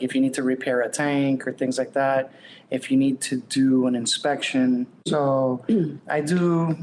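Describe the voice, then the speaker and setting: Sex: man. Role: septic service operator. Style: casual podcast interview. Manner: plain-spoken, informal. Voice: mid pitch, faint noise behind. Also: rough recording.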